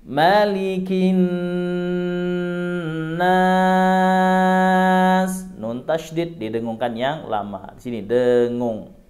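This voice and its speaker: A man's voice: medium pitch, moderate pace, mellow. A man teaching Quran recitation, patiently explaining how to pronounce each sound step by step. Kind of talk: tajwid lesson.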